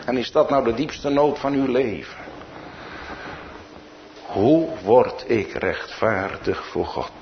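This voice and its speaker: A man's voice: mid-range voice, expressive, slow pace, pauses often, muffled recording, slight background noise. A man with a Dutch accent preaching a sermon as pastor, building to emphatic peaks.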